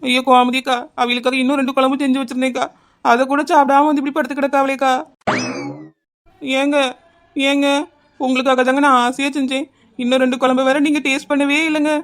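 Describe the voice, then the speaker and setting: A woman's voice: high voice, little pitch movement, a little fast, pauses often, close to an everyday voice. A woman voicing a young village wife in a cartoon comedy, with a Kanyakumari Tamil accent, pleading and insistent. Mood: wailing. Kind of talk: animated cartoon comedy dialogue.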